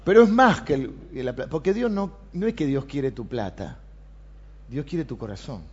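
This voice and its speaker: A man with a Rioplatense Spanish accent, preaching a sermon and reading scripture aloud with animated emphasis. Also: mid-range voice, normal speed, husky. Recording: dull lo-fi sound.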